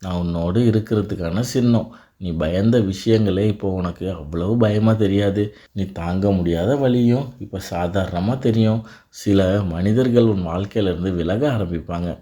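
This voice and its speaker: A man delivering a devotional blessing in a calm, reassuring voice, speaking directly to the listener. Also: deep voice, normal speed. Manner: calm, reassuring second-person address. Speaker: devotional narrator.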